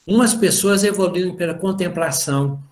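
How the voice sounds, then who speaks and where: A middle-aged man with a high voice speaks at normal speed during a relaxed spiritual talk over a video call. He lectures at a spiritist study group, telling family stories and acting out the dialogue.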